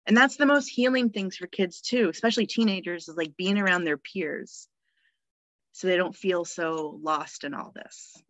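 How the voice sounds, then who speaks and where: A woman who works as a death midwife chats in a casual podcast conversation, cheerful, laughing often, and using many fillers. Her voice is on the low side at a normal speed, and the recording is dry.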